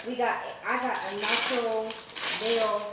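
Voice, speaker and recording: A woman's voice: fairly high pitch, little pitch movement, slow pace. A woman hosting a casual eating video, talking between bites. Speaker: vlogger. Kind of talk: casual mukbang chat. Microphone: camera set back from the table. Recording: echoey room, distant camera, noisy.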